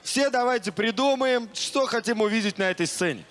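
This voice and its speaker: A young man hosting a TV comedy show on a studio stage with a handheld mic, bantering quickly and ironically. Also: extremely high pitch, a bit bright. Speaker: host. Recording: studio crowd behind.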